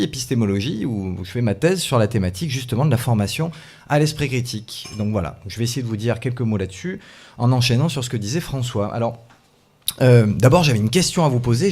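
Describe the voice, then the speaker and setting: A man's voice: fairly low pitch, darkish tone. A man from France giving a casual, joking talk to a bar audience, chatting with people and asking them questions. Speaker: speaker at a science pub talk.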